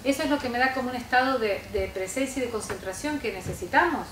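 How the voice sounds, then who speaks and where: A woman's voice: fairly high pitch, quick pace, a bit bright, a little hiss or hum. Woman lecturing in an echoey room, mic far. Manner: instructive, often checks in with listeners with a short question tag. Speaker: speaker giving a talk on how adults speak to children. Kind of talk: workshop lecture with spoken demonstrations. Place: lecture room with a live audience.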